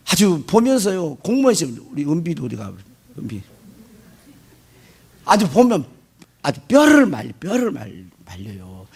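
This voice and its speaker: A male pastor delivering an animated sermon, firing rhetorical questions at the congregation and mimicking worshippers' prayers. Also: high-pitched, slightly rough.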